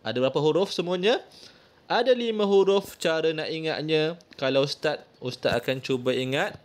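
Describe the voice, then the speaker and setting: A man with a Malaysian Malay accent teaching children Quran recitation, slowly demonstrating each example and patiently correcting mistakes. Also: on the high side. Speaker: religious teacher.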